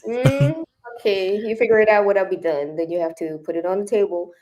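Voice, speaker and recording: A woman's voice: mid-range voice, a little fast, a little mellow, soft background music. A woman co-hosting a casual talk show, speaking hesitantly and searching for words. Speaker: podcast co-host. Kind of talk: casual chat.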